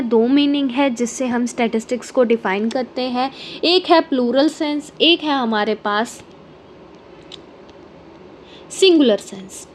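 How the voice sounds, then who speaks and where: A woman's voice: high voice, a little hiss or hum. A woman lecturer explaining an exam prep lesson step by step, mixing English terms into her Hindi and checking in often. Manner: explains step by step with frequent "ठीक है" check-ins.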